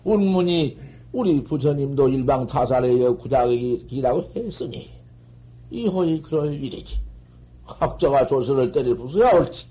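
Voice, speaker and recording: An older man giving a Buddhist dharma lecture on koans, scolding and animated, swinging from loud outbursts to murmurs, on an old 1970s tape. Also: a little high, low-quality recording. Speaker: Zen master giving a dharma talk.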